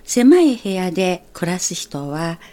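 A woman who grew up speaking Chinese teaches phrases in a language lesson, taking her time over each one. Her voice sits a little low but moves a lot in pitch, and she spells out each character step by step. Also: very animated, dark tone. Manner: slow, careful, explains characters step by step.

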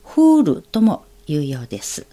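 A woman who grew up speaking Chinese teaches phrases in a language lesson, taking her time over each one. Her voice sits a little low but moves a lot in pitch, and she spells out each character step by step. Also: wildly swooping pitch, warm tone. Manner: slow, careful, explains characters step by step.

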